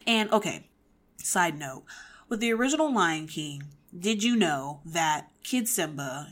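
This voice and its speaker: A woman in her twenties hosts a podcast, offering casual pop-culture opinions emphatically and with frequent restarts. She has a low voice with a fairly bright tone.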